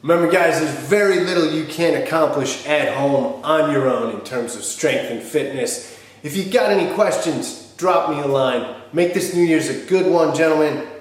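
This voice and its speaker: A man's voice: a little high, moderate pace. A man, talking to camera in a direct, colloquial, instructional way as a fitness host. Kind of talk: talking to camera, answering viewer questions. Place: small wood-panelled home gym, indoors. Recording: very echoey room.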